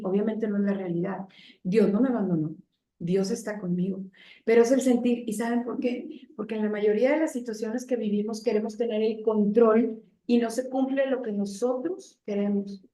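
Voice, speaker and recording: A woman preaches her own testimony with raw, pleading passion. Her voice sits fairly high and keeps throwing rhetorical questions at the listeners. The recording echoes around the room. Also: mellow. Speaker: lay preacher. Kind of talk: religious testimony talk.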